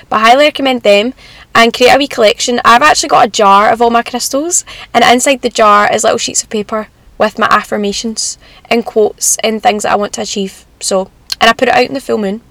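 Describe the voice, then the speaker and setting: A woman's voice: on the high side, fairly even intonation, brisk, creaky, a bit bright, no room sound. A young Scottish woman giving casual motivational advice in an upbeat, encouraging, chatty manner, like a self-help vlogger. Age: young adult.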